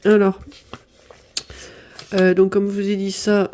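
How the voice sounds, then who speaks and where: A woman's voice: mid-range voice, completely flat delivery, slow, warm tone. A woman from southern France with a stuffy nose from a cold, chatting casually through her budget and thinking aloud over the sums with many apologies. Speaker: budget vlogger. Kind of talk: casual budget diary chat. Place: apartment at home.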